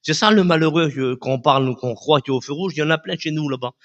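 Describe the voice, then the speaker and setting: A man's voice: on the high side, quick pace, fairly bright tone, lo-fi sound. A man preaching a sermon at a church service. He speaks fervently, repeats his key phrases and addresses the congregation directly. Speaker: pastor.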